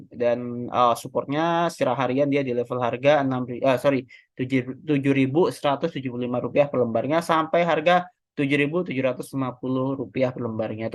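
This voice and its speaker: Seorang pria Indonesia membahas analisis teknikal saham dengan santai, sering mengoreksi angka dan memakai banyak kata pengisi. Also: male voice, mid-range voice, dry recording. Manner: chatty, self-correcting, many fillers. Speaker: stock market analyst. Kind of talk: casual technical analysis walkthrough.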